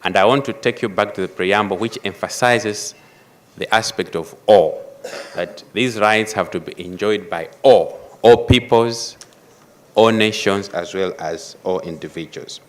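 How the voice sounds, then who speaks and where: Measured man giving a panel talk. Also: sits low. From Malawi. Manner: measured, emphatic, stresses key phrases. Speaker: panel speaker. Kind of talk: formal conference address.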